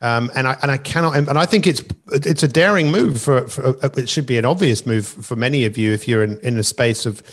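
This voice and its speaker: A middle-aged man with a medium-pitched voice hosts a motivational session on an online call as a life coach and masterclass host. He talks briskly with few pauses, conversational in tone, hitting his points with emphasis and drifting into asides.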